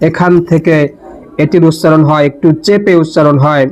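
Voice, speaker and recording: A man teaching letter pronunciation in a slow lesson, repeating and drawing out each sound with care. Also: fairly high pitch, darkish tone. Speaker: Quran teacher. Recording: dull lo-fi recording.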